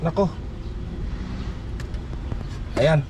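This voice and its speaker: A man giving casual hands-on repair commentary as a mechanic vlogger, in short fragmented remarks while he works. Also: drawn-out words. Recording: noisy, vehicle sounds behind.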